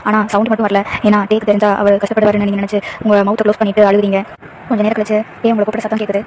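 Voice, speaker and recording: A woman reads a second-person fan fiction story as a running narration. She talks very fast, and her pitch barely moves, giving her delivery a level sound. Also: monotone, a little mellow, a little hiss or hum.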